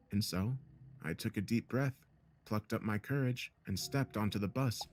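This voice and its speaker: A man reading a first-person horror story as narrator in a steady, measured way. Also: fairly low pitch, a little hiss or hum. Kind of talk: scripted narration.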